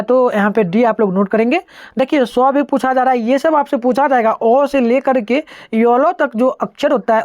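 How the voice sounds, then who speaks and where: Woman teacher, higher voice, dry close sound, patient step-by-step exam explainer. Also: darkish tone, dry recording. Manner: explains step by step, has students try sounds aloud. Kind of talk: online exam-answer lesson.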